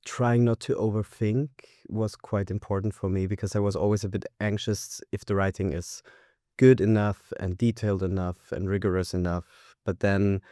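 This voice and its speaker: Man, very deep and mellow. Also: fairly even intonation, normal speed, no echo, clean studio sound. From Austria. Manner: thoughtful, hesitant with fillers. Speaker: graduate guest. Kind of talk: interview answers.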